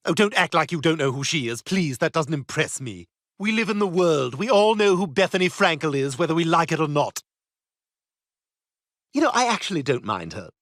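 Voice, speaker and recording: A man's voice: fairly high pitch, fairly bright tone, no room sound, studio quality. An actor voicing a snobbish, catty British baby boy in a cartoon, talking in a posh, cutting, theatrical way. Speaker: patient. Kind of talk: cartoon voice acting.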